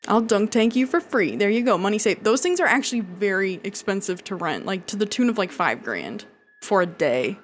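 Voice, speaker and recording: A woman's voice: mid-range voice, sing-song, normal speed, a little hiss or hum. A woman live streamer chatting casually and jokingly with her chat while she plays a video game, swearing freely.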